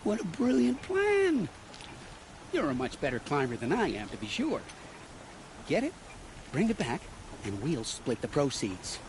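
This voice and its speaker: A sly, flattering schemer from a video game, wheedling and theatrical, his pitch swooping all over as he lays on the charm. The game audio carries clear background noise under his voice. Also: measured pace, pauses often, heavily acted.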